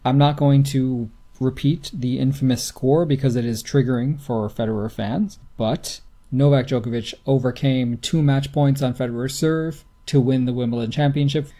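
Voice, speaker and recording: A man's voice: mid-range voice, fairly even intonation, moderate pace, few pauses, warm tone. Matter-of-fact man co-hosting a podcast. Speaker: podcast co-host. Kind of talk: casual chat.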